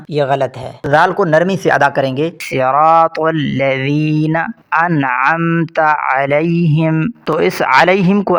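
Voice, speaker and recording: Male tajweed teacher, higher pitched; explains mistakes briskly, recites drawn out; dry booth-like sound. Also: a bit bright, dry recording. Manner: corrects common mistakes, then recites words slowly and drawn out.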